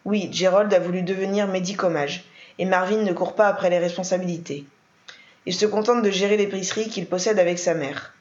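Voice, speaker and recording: A woman's voice: fairly low pitch, steady tone, brisk, darkish tone, natural voice. A woman voicing a stern older wealthy man who speaks curtly and coldly, in a roomy, dull recording. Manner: curt, cold.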